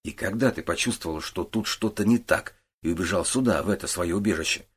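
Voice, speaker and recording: A man voicing a calm, methodical middle-aged detective who questions patiently in an audiobook. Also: low-pitched, a little fast, slightly rough. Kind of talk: audiobook character voice.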